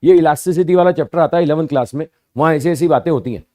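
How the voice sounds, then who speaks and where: Guy teaching physics slow n patient, kinda high mellow voice, keeps asking the class stuff. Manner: slow, repetitive explaining with rhetorical questions; addresses students as "bhaiya" and "sahab". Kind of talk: classroom lecture.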